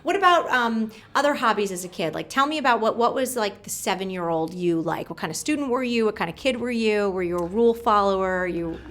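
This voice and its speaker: Quick-talking woman podcast host. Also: medium pitch, animated, fairly bright tone. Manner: quick, upbeat and chatty. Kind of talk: conversational interview.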